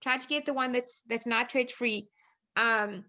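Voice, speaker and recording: A South African-accented woman chats informally and reassuringly as a guest nutrition coach on a video call, in a casual online presentation. Her voice is on the high side, sharp in tone, and unhurried.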